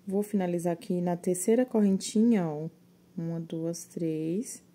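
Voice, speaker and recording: A woman's voice: on the low side, measured pace, mellow. A woman teaching crochet step by step, patiently counting stitches aloud and a little short of breath.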